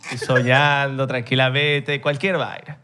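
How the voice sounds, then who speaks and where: A man's voice: mid-range voice, measured pace, clear, resonant tone. A Venezuelan man co-hosting a live comedy show on a club stage, telling stories animatedly to the crowd. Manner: animated storyteller, addresses the crowd.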